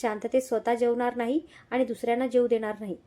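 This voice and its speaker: Woman doing an irritable young husband, snappish, curt, cold, audio story, slightly high mellow voice. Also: level tone, quick pace, lightly acted. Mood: angry.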